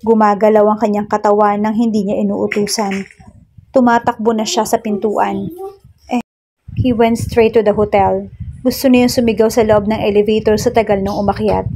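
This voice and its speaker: A woman storyteller reading a romance story aloud in a steady, dramatic way. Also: medium pitch, a little hiss or hum, rough recording. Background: soft music.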